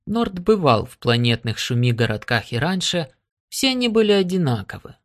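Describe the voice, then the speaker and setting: A man's voice: fairly high pitch, very animated, normal speed. Man narrating an adventure audiobook. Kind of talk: scripted narration.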